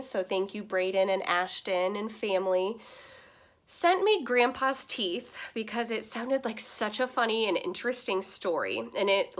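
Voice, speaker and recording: Woman teacher, read-aloud lesson; upbeat, chatty, enthusiastic with kids. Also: medium pitch.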